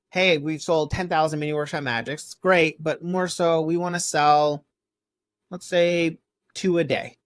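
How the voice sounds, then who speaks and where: A man's voice: on the high side, fairly bright tone. A man with a slightly raised voice talks through a course lesson, upbeat and conversational. He leans on worked examples as he explains, and the sound is dry and close with no room echo. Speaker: course co-host. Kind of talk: casual course walkthrough.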